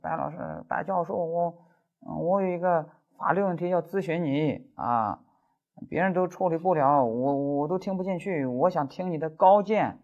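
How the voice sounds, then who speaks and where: A man's voice: a little high, moderate pace, a little mellow, dull audio, pitched above the performer's own voice. A man voicing a pushy young actress who hesitantly pleads for legal advice. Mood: pleading.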